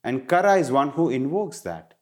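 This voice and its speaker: A middle-aged Indian man, a wellness educator appearing as a guest in a casual interview, explains things with earnest animation and frequently restarts his phrases. His voice sits in the mid range with a darkish tone, and he talks at a normal speed.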